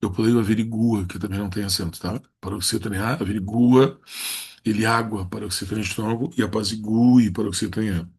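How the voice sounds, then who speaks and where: Lowish, creaky and husky, this man's voice leads a recorded lesson on Portuguese rules. Example words come slowly and drawn out, followed by each rule delivered flatly.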